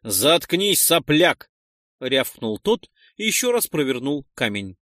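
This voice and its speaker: A man narrating a first-person fantasy audiobook in an expressive, dramatic way. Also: mid-range voice, normal speed, dry recording, studio quality.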